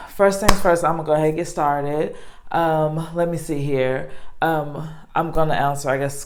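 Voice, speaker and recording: Young woman vlogger, low pitch, chatty and rambling, lots of fillers. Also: a little mellow. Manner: rambling, filler-heavy, self-interrupting. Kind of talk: casual chat to camera.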